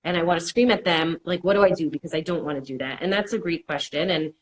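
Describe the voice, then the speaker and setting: In a lowish voice and at a fast clip, a female counselor gives conversational mental health advice. She keeps reassuring listeners with "it's okay" and acts out anxious inner voices in quotes. The recording is low quality, with slight background noise.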